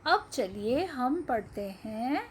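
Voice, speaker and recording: A woman teaching young children to read, speaking at a very slow, deliberate pace. Her voice sits fairly high. She draws out each word and repeats questions for the class. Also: animated, a little hiss or hum. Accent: Hindi. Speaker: primary school teacher. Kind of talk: children's reading lesson.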